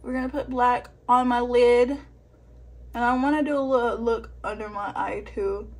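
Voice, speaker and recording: A woman's voice: on the high side, fairly even intonation, a little slow. A tipsy woman chatting casually through a makeup tutorial, rambling, poking fun at herself and swearing freely. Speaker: vlogger doing a makeup tutorial.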